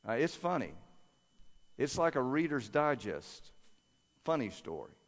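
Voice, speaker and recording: Older guy preaching, earnest, goes soft in prayer then picks up, big reverby church hall. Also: mid-range voice, very animated, measured pace. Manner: earnest, prays aloud softly then preaches with rising energy. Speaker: pastor. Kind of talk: sermon. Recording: long reverb of a large hall.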